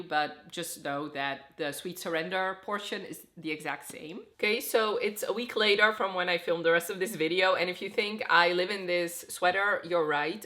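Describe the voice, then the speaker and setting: Her pitch fairly low and her tone fairly bright, a young woman who vlogs about books chats loosely about what she's reading. The talk wanders with lots of "like," and fatigue and an oncoming illness leave her voice slightly off.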